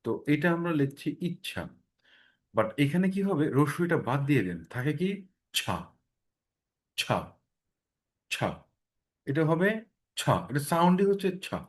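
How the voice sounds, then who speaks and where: A man's voice: a little high, lively intonation, normal speed. Patient man teaching pronunciation. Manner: explains patiently, repeating sounds many times and checking in with "ঠিক আছে?". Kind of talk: online class lesson.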